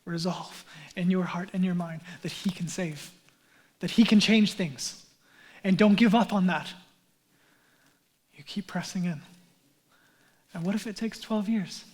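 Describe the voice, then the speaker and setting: A man preaching a sermon as pastor, earnest and conversational, dropping to a hush for emphasis and using casual asides. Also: high-pitched, a little slow, long pauses.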